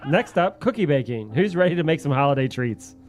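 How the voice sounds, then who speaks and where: A man's voice: a little high, big pitch swings, fairly quick, faint music behind. A man hosting a radio show, reading a comedy skit and making upbeat charity announcements. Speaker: radio host. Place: radio station studio.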